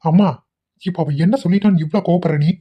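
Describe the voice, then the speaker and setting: A woman's voice: on the low side, steady tone, fast, breathy edge, lo-fi sound. A woman voicing a blunt, short-tempered young husband in a cartoon, talking in a curt, scolding way. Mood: irritated.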